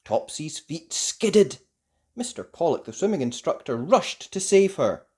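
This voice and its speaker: With a medium-pitched voice, a storyteller reads a scripted children's tale, narrating expressively in a deliberate, sing-song manner meant for young kids.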